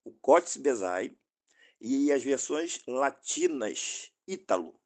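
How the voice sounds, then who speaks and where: A man's voice: mid-range voice, big pitch swings, slow. A man with a Brazilian Portuguese accent, hosting a combative monologue that rebuts an opponent directly. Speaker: host.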